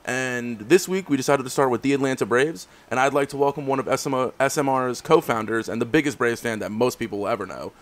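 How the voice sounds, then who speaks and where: A man's voice: medium pitch, fast talker, few pauses. A young man hosting a casual sports podcast, upbeat and steering the segments, often repeating words. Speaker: podcast host.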